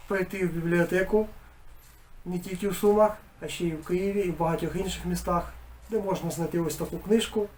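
A man, the author, reading aloud from his own novel with expressive delivery, hushing for eerie passages. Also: high voice.

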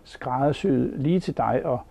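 A man's voice: medium pitch, creaky, dark tone. An older man plainly giving his opinion on a caravan while seated inside it. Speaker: caravan reviewer. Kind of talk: casual product review. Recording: slightly dull recording.

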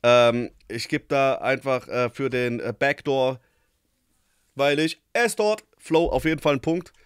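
Male reaction host, slangy and loose, dissects lyrics out loud; dry, close recording. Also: mid-range voice, measured pace, smooth, dry recording. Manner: thinks aloud, picks apart lyrics and rhymes; swears casually, slangy. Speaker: host reacting to a rap song. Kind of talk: casual reaction commentary.

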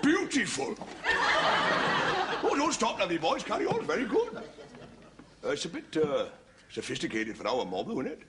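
An actor playing a scheming Welsh army sergeant major in a TV sitcom, who chuckles and calls the men lovely boys. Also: male voice, fairly high pitch, huge pitch swings, moderate pace, long pauses, background noise. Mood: mock-friendly. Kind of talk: 1970s TV sitcom acting.

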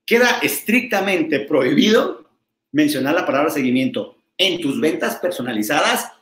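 A man with a Mexican accent giving a lively live sales coaching talk, quick and energetic, acting out short exchanges with customers. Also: fairly high pitch. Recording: roomy echo.

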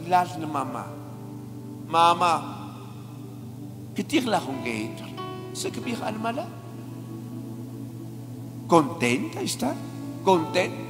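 A woman's voice: lowish voice, creaky. Impassioned woman preaching in a reverberant hall. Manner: impassioned preaching, rising to shouts, calls to the congregation. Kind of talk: sermon. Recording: reverberant hall with music behind.

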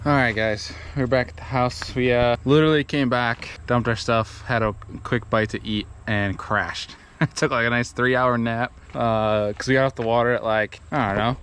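A young man talks casually into a camera he holds at arm's length, out on a lawn. He rambles in a relaxed way, with fillers and small laughs, and a faint background hiss sits under his voice. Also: medium pitch, moderate pace. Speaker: kayak fishing vlogger. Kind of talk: casual vlog talk to camera. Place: outdoors on a lawn by a truck. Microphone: action camera held at arm's length.

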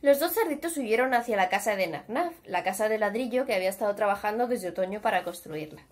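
A woman with a Spanish accent from Spain telling a fairy tale to young children, chatty and animated, often asking the kids questions. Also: medium pitch, quick pace, slight background noise. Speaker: children's storyteller.

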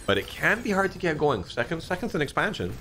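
A man in his thirties giving casual, excitable commentary while playing an online slot game, often swearing and jumping up in pitch at big moments. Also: fast, a little hiss or hum. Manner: excitable, swears a lot, frequent pitch jumps. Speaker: slot streamer. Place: dim home streaming room, indoors.

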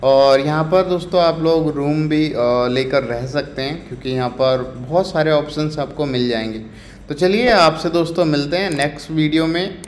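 A chatty male travel vlogger walks a busy city street market at night, narrating casually in Hindi mixed with English and lots of fillers. He speaks at a moderate pace with a voice on the high side. The outdoor recording has a little hiss or hum, an echoey street sound, and faint ambience.

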